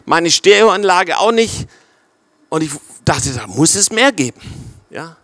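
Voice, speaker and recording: A Swabian-accented man in his forties preaches with a lively manner and often checks in with his listeners. His voice sits a little high for a man and sounds close and dry, with little room around it. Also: a little slow, no room sound. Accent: Swabian German. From Swabia, Germany. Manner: lively, keeps checking in with the congregation. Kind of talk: sermon.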